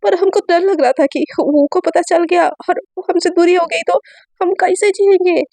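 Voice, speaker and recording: A woman's voice: extremely high pitch, steady tone, warm tone, no room sound, pitched above the performer's own voice. A woman voicing a heartbroken, humble tomboyish young woman who stammers and halts. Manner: halting, stammering.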